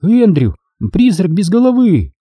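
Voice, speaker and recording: A man voicing a bold, angry young girl in an audiobook, speaking high and indignant. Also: very animated, unhurried, husky, no echo, clean studio sound, heavily acted. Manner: high-pitched, shouting, indignant. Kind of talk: audiobook character reading.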